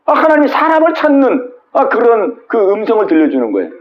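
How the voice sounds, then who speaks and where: Lively high-voiced male pastor preaching. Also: a little fast, muffled recording. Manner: retells scripture with dramatic quoted voices, asks the congregation questions. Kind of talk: sermon. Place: small church, Wednesday service.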